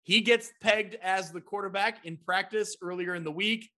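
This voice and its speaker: A man's voice: high voice, steady tone, normal speed, pushed and bright. A man hosting a casual sports talk show, recapping games and stats in an upbeat, self-deprecating way.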